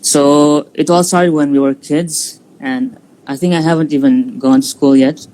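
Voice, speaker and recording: Speaking as a student guest on a live stream, a young Indonesian man in his twenties recounts his story haltingly, full of fillers and restarts. His voice sits on the high side with fairly even intonation and a warm tone, though the recording quality is low.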